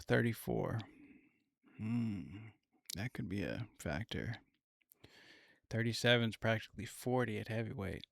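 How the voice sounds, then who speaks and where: A man's voice: on the low side, gravelly, dry recording, clean studio sound. A young man hosting a casual fight podcast, rambling through his picks with plenty of swearing. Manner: rambling, profane, thinks aloud. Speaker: podcast host.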